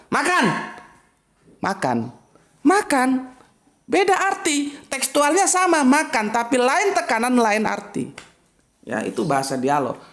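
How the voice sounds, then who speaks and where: A man giving a casual religious lesson, emphatic and full of rhetorical questions and spoken examples. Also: sits high. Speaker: Islamic teacher.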